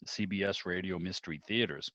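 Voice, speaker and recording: A middle-aged American man from the Boston area reminisces on a video call, chatty and rambling with frequent "you know"s. His voice sits low with a fairly bright tone and a slightly fast pace. There's no echo, though the call audio through the video call microphone is dull.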